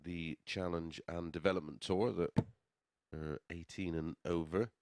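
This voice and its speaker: A man's voice: low-pitched, fairly even intonation, unhurried, a little mellow, no echo. A man giving sports commentary on a darts match as a broadcast commentator.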